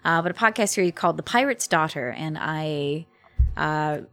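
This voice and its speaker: A woman's voice: deep voice, lively intonation, normal speed, fairly bright tone. A young woman voice actor chatting as a podcast guest, laughing often and restarting her sentences. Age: young adult. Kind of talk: casual podcast interview.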